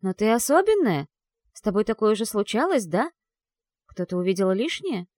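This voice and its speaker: A woman doing a composed young lady, gently coaxing. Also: medium pitch, big pitch swings, moderate pace, dry recording, studio quality. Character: calm, clever young redheaded lady. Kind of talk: audiobook character voice.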